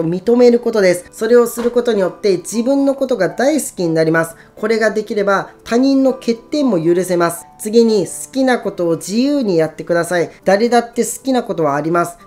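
Woman, scripted narration, calm instructive tone, mid pitch, faint background music. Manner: calm, instructive, even reading. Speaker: book summary narrator.

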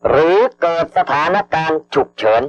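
A man slowly dictating official government orders over radio, formal and measured, repeating each phrase and reading out the punctuation. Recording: dull lo-fi archival radio broadcast.

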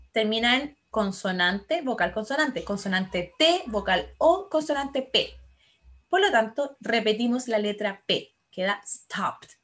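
A woman teaching grammar in a recorded online lesson, explaining slowly in a mix of Spanish and English, spelling out letters and checking that her pupils follow. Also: fairly high pitch, a bit bright.

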